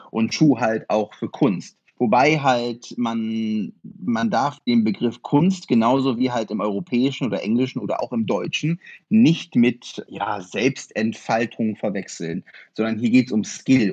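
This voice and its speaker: A man's voice: mid-range voice, darkish tone, husky, highs cut off. A man in his thirties from northern Germany, a guest expert on martial arts, explaining patiently in a podcast interview. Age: 30s. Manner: explanatory, with frequent fillers and restarts.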